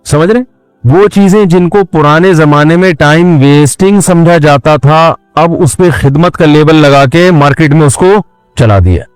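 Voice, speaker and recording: A man's voice: a little high, smooth, no echo, low-quality recording. A man giving a conversational religious talk, often checking that the listener understands. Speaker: Islamic speaker.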